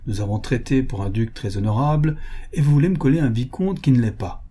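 A pallid, grasping financier, played by a man narrating grumbles low and then rattles on in a Parisian working-class accent. The voice is dark and slightly husky. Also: big pitch swings, unhurried, heavily acted.

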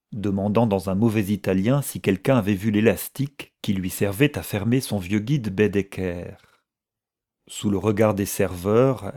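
A man reads a story aloud in a measured, even manner. His voice sits low, with a dark, mellow warmth. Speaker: narrator. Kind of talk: audiobook reading.

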